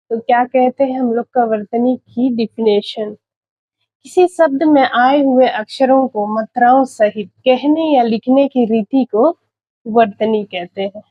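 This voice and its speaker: Her pitch fairly high, a woman teaches spelling to prepare students for an exam, saying every example word over and over while writing it. She keeps checking in and addresses the class as "बच्चे", and the dull, lo-fi audio carries no echo.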